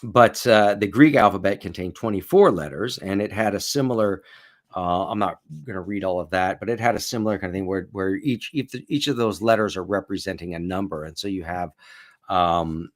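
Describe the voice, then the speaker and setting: Very deep-voiced rambling man. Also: brisk. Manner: rambling, hesitant, many fillers. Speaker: host of a reading stream. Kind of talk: casual reading and commentary.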